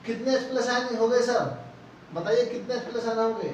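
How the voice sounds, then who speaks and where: A man teaches a chemistry class, drilling the students with questions and repeating terms, his voice pitched high. He is picked up from a distance in a strongly echoing classroom. A faint hiss sits under the sound. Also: fairly even intonation, moderate pace, muffled recording. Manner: repeats key terms and asks rhetorical questions; mixes Hindi with English technical terms. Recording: echoey classroom, mic far off, faint noise.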